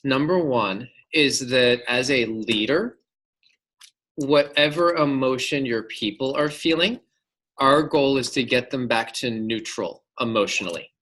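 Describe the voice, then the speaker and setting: A man's voice: mid-range voice, unhurried, a bit bright. A man leading a group sales training, trading jokes and sarcasm with the group before giving upbeat instruction. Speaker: sales team leader running a training.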